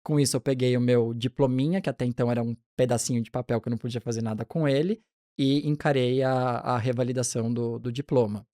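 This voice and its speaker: A man in his forties, a pediatric neonatologist, telling his career story in a relaxed, chatty interview with frequent restarts. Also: mid-range voice, fast talker, dry recording, studio quality.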